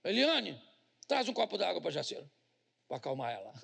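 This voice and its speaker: A preacher doing a stern old-school husband. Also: male voice, high-pitched, sing-song, brisk, gravelly, fairly bright tone, breathy edge, exaggerated voice. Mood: brusque scolding. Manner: brusque, scolding. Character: stern old-fashioned older husband, brushes off tears.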